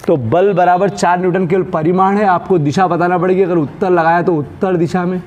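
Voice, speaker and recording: A man's voice: sits high, fairly even intonation, a little fast, darkish tone, dull audio, a little hiss or hum. A male physics teacher giving a classroom lecture. He keeps asking his students questions and answering them himself. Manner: calls students "beta" and "bhaiya", handles props while explaining.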